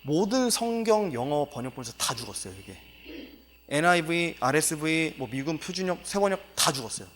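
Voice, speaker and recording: A man's voice: on the high side, sing-song, brisk, fairly bright tone, big-room sound. A male pastor giving a sermon lecture, emphatic and exclaiming, with many filler words.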